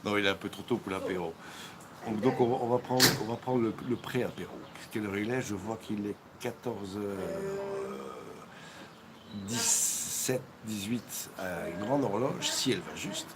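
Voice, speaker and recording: Jokey low-voiced man streaming live. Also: lively intonation, measured pace. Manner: jokey, rambling, with many fillers and restarts. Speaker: live-stream cooking host. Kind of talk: casual live-stream chat, greeting viewers from the chat. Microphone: phone streaming over 4G. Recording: noisy background ambience.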